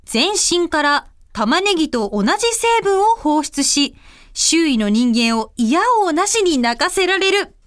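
A woman's voice: sits high, no room sound, studio quality. A woman hosting a radio show and reading out listener mail in a casual, bubbly way, laughing often. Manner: bubbly and animated, quick to laugh. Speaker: radio host and singer.

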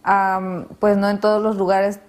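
A woman interviewed for a news report, speaking hesitantly with pauses and fillers. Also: mid-range voice, flat delivery. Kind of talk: interview answer.

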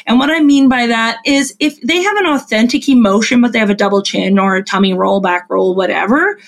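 Blunt, high-voiced woman explaining things casually. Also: a little fast. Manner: blunt, informal, acts out imagined dialogue. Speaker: photographer and coach, interview guest. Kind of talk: casual explanatory interview talk.

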